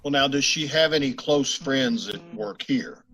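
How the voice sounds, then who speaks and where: An actor playing a polite, terse, businesslike police sergeant questioning people in an old-time radio police drama. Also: male voice, medium pitch, measured pace, fairly bright tone, soft background music. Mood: probing. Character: polite, matter-of-fact male police sergeant, terse investigator. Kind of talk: 1950s radio police drama acting and narration.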